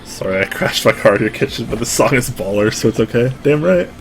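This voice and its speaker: A young man with a medium-pitched voice talks a little fast as he builds a keyboard at his home desk, chatting casually with his stream viewers. He rambles, pokes fun at himself, and answers chat in a relaxed way. Music plays in the background.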